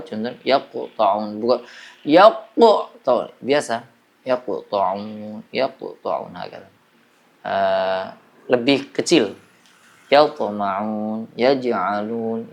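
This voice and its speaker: Guy teaching a class slowly, patient, keeps checking everyone gets it. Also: medium pitch. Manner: slow, patient explaining, drilling examples, checks with "jelas ya". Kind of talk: classroom lesson on Quran recitation.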